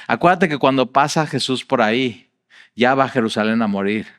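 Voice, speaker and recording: A middle-aged man with a Mexican accent preaching a sermon in a conversational, animated storytelling way, with frequent fillers. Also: medium pitch, moderate pace, clear, resonant tone. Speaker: pastor.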